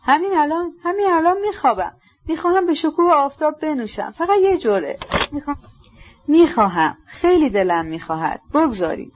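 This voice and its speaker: A woman's voice: fairly high pitch, dull audio, noisy background, lightly acted. A woman voicing a feverish, desperate young man. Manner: urgent, excited, pleading.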